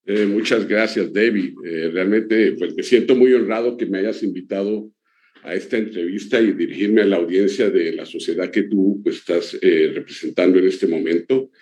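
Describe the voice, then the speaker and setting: An older man in his sixties with a fairly low voice, talking through his career as a guest. His delivery is relaxed and unhurried, full of small hesitations. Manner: relaxed, many "eh" and "pues" fillers. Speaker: interview guest. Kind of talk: casual conversational answers.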